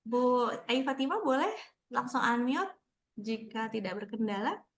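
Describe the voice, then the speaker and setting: Relaxed woman teaching over a video call. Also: fairly high pitch, unhurried. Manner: relaxed and reassuring, many fillers. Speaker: read-aloud workshop facilitator.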